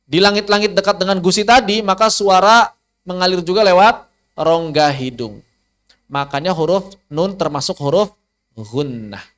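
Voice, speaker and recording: A man's voice: sits high, normal speed, fairly bright tone. A man, teaching a Quran recitation lesson online, asking rhetorical questions and demonstrating letter sounds aloud. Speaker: ustaz teaching tajwid.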